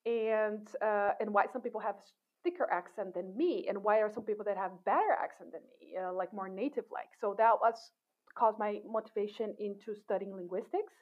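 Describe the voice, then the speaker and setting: A woman with a mid-range voice, speaking a little fast, is interviewed as a guest cognitive science researcher. The casual talk comes through tinny, phone-like call audio, and she speaks thoughtfully with many restarts and fillers.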